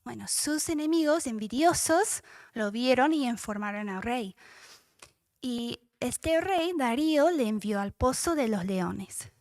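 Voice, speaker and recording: High-voiced woman teaching scripture, dry close sound. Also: a little slow, darkish tone, no room sound. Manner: reads scripture aloud, often dropping to a whisper; emotional, with self-corrections. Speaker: Bible teacher. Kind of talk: devotional Bible teaching.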